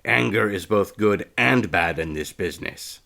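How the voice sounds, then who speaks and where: A man reading a storybook as a gruff, scarred older male trainer with a gravelly, blunt voice. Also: lowish voice, measured pace, sharp tone, heavily acted. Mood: lecturing. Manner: blunt, taunting.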